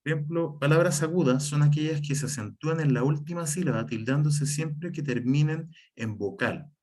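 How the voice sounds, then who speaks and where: A man teaching an online writing class, explaining patiently and often pausing for examples. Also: fairly high pitch, a little mellow. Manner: explanatory, repeats "por ejemplo" and "en este caso", some restarts.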